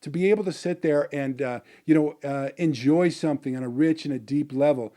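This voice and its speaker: A man's voice: fairly high pitch, fairly quick, dark tone. A middle-aged man, a motivational business speaker, telling a personal story in a rambling way, with many fillers and restarts.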